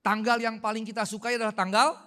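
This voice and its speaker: Male pastor, 40s, high-pitched, animated storytelling sermon. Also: fast. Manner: animated storytelling, asks the congregation questions. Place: church hall.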